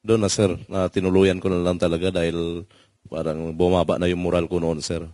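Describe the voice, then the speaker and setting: A man's voice: low-pitched, little pitch movement, moderate pace, warm tone, no room sound. A man, a discharged marine, giving earnest, polite testimony in an interview and often addressing the host as sir.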